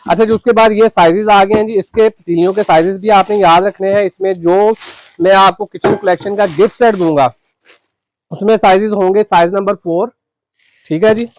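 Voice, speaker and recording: A man's voice: sits high, fairly even intonation, normal speed. A man, a shopkeeper chatting casually through a cookware demonstration, adding "ji" to his phrases. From Pakistan. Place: shop.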